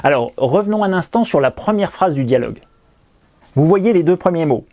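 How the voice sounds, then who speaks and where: A man teaching English grammar in a recorded lesson, explaining clearly and patiently and repeating pronunciation drills. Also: a little high, lively intonation, brisk, darkish tone.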